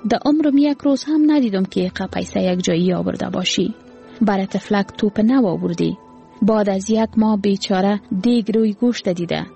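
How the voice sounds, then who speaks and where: A woman's voice: medium pitch, gravelly, warm tone, soft background music, close to an everyday voice. A woman with an Afghan Dari accent voicing a worried, loving poor mother in a read-aloud radio story. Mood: cheerful.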